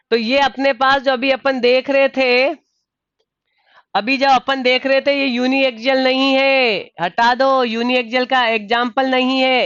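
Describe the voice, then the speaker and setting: A man's voice: very high voice, fairly bright tone, smooth, no room sound, highs cut off. A man teaching a live online engineering class, calling on students by name, addressing them as dear and patiently repeating his questions. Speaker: online exam tutor.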